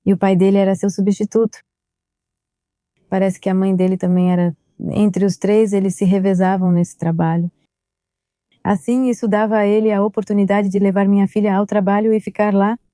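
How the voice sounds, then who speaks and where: A middle-aged woman tells her story as a mother, reliving old conversations by quoting what was said. Her voice is deep in tone and very dark, and it sits dry and close with no room around it. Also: flat delivery, moderate pace, dry recording. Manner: recounts events quoting past dialogue. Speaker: mother of a victim. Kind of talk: personal testimony.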